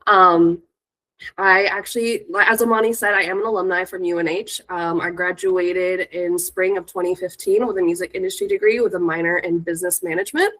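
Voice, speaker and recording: An American woman in her thirties from Northern California, congested and stuffy from a cold, talks about herself informally as a guest speaker from the music industry. Her voice is fairly low, a bit bright, and fairly quick, and the recording is rough.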